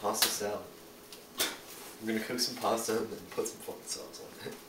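A man's voice: on the low side, steady tone, moderate pace. A young man cooking pasta with friends, arguing insistently and swearing casually in a home kitchen. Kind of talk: casual chat. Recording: noisy, echoey room, mic far off.

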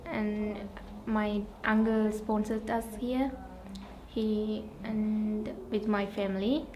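A teenage girl from Sri Lanka speaking slowly in simple phrases in an interview. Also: mid-range voice, steady tone, darkish tone, slight background noise, rough recording. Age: teens.

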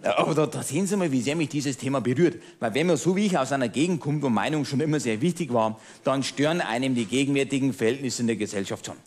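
A male cabaret comedian with a Lower Bavarian accent, speaking in a dry, ironic way. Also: fast, hardly any pauses. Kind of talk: stand-up cabaret.

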